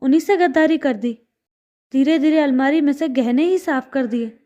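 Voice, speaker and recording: A woman's voice: high voice, moderate pace, dull audio, close to an everyday voice. A woman reading a greedy, accusing sister-in-law. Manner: accusing, loud.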